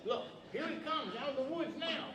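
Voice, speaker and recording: High-pitched theatrical male wizard, acted by a man. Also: moderate pace, fairly bright tone, dull audio. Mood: urgent pleading. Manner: theatrical, courtly. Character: the Wizard of Oz, scheming kindly male sorcerer. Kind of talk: 1940s radio-style stage acting. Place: large indoor library event hall, live stage. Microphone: stand mics, distant pickup. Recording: echoey hall, distant mic, background noise.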